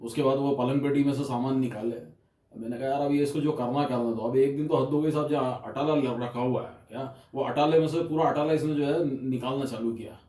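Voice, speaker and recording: A man's voice: medium pitch, steady tone, brisk, warm tone. A man, telling a rambling comic story to an audience and often checking in with them. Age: 50s. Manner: rambling, keeps asking "kya?" and "hain?" to the audience. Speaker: comic poet. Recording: echoey hall from far off.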